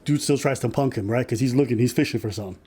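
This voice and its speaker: A man's voice: mid-range voice, racing, breathy edge. Joking male podcast host. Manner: animated, joking, profane. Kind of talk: casual reaction commentary.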